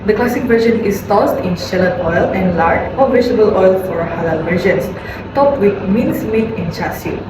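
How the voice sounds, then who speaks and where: A woman's voice: mid-range voice, animated, moderate pace. A woman, giving a food guide as part of a class presentation. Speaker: student presenter. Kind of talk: informative presentation. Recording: echoey far-off room with noise.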